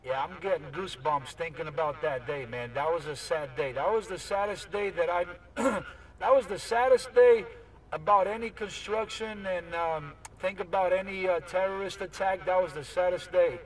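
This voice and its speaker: Over a CB radio, a man chats casually with other operators, often tossing in "man." His voice is high-pitched at a moderate pace. The transmission sounds distant and noisy, with a CB radio effect.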